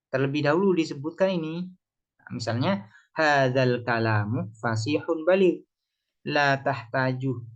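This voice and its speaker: A man teaching a religious text lesson, reading Arabic phrases and translating them one by one, often asking himself why and answering. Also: mid-range voice. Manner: explains phrase by phrase, asks and answers his own questions. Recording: slightly dull lo-fi sound.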